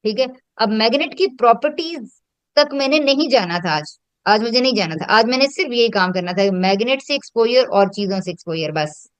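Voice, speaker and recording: A woman's voice: fairly high pitch, animated, normal speed, no room sound. A woman, explaining her teaching in a reflective, conversational way and mixing in English terms. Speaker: educator and host. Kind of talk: casual conversational teaching talk.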